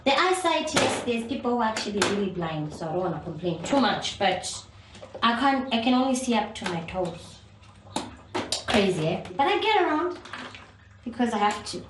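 A woman's voice: mid-range voice, roomy sound, noisy background. A young woman speaking candidly and earnestly, telling her own story in a conversational way. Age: young adult. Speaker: interviewee. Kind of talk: personal testimony.

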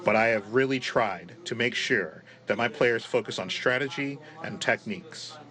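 A man, a football coach, giving an earnest, deliberate interview answer. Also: mid-range voice, sharp tone.

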